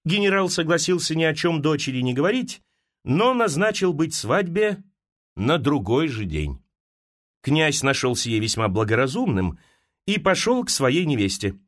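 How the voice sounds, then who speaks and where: A man from Russia reading a classic novel aloud as an audiobook narrator, dramatic and expressive. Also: on the high side, moderate pace. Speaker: audiobook reader.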